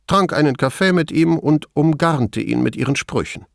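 A man's voice: normal speed, creaky, no room sound. Guy doing a smug gossipy lab boss, voice jumps way up, dry sound. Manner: high, animated, mocking bursts. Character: middle-aged male lab chief, smug and gossipy.

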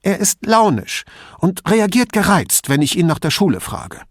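Male reader doing a tense, prickly woman professor, pitched up high, husky edge, audiobook. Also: sing-song, dry recording, studio quality. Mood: sharp. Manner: tense and quick to bristle. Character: middle-aged woman professor, worried, defensive mother.

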